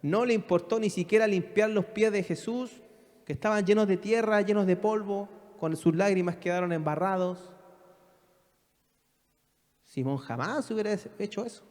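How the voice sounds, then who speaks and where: A man's voice: high voice, moderate pace, darkish tone. A male pastor delivers a sermon in a slightly raised voice. He leans on rhetorical questions and pushes his points with emphasis. His words carry with a long reverb through a church hall.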